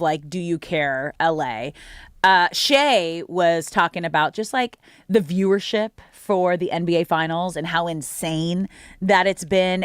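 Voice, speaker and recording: An American woman hosts a casual sports talk show. She speaks in a conversational, emphatic way with a slightly low voice, captured dry and close. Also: smooth, dry recording. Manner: conversational, emphatic, addresses listeners as you guys. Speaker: sports radio host.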